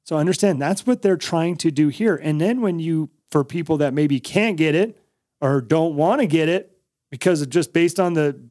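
An American man with a fairly high voice talks casually and emphatically on a podcast. He drives points home by repeating them, in a dry, close recording. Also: darkish tone, dry recording. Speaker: podcast host. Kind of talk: casual opinionated podcast talk.

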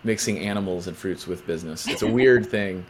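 A man's voice: deep voice, a little fast, background noise. A man hosting a casual interview, upbeat and jokey, with plenty of fillers. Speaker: podcast host.

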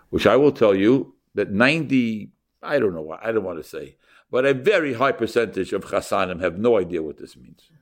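A man teaching a lively Torah class to an audience, mixing in Yiddish and Hebrew terms. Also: on the low side. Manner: animated, switches loud and soft, Yiddish and Hebrew terms.

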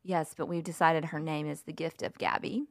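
A woman's voice: low-pitched, little pitch movement, normal speed, no room sound, studio quality. A woman co-hosting a podcast, talking in a chatty, upbeat way. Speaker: podcast co-host. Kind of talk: casual chat.

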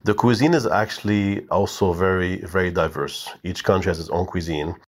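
Deep-voiced man explaining matter-of-factly. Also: normal speed. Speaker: network member guest. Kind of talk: informative explanation.

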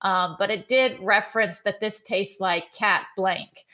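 Texan woman, coach guest on a podcast, bright tone, animated storyteller with plenty of "um"s. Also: medium pitch, a little slow. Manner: animated storytelling with many fillers. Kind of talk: casual podcast conversation.

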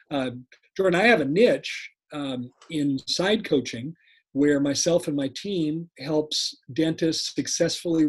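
Husky higher-pitched older man, podcast guest. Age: 60s. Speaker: podcast guest, dental practice coach. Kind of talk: conversational interview.

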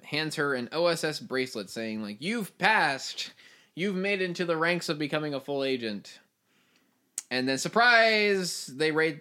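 A man's voice: medium pitch, bright, forceful tone, smooth. Rambling man recapping a film. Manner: rambling, filler-heavy storytelling. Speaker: podcast host.

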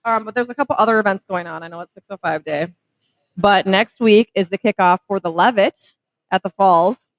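A woman co-hosts a live podcast in a taproom, cheerful and giggly as she rattles off local events and menu items. Her mid-pitched voice sits close and dry on the mic. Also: a little fast, dry recording, poor audio. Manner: bubbly, giggly, reads event listings. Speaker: podcast co-host. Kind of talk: upbeat live podcast chat. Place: restaurant taproom, live show.

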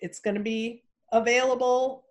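A middle-aged woman with a Chicago accent, a guest author chatting casually in an interview and pausing often with "um". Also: fairly high pitch. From Chicago area. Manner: relaxed, many "um" pauses.

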